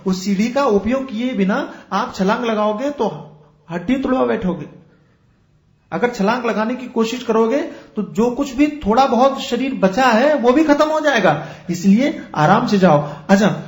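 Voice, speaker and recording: High-voiced man giving a spiritual discourse. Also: echoey room. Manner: explains with everyday examples and rhetorical questions. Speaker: spiritual teacher.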